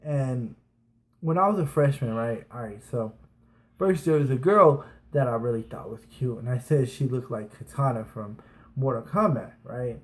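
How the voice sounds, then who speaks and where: On his vlog, a thirty-something man casually recounts school memories at a moderate pace in a mid-range voice. The storytelling wanders, with frequent restarts and filler words.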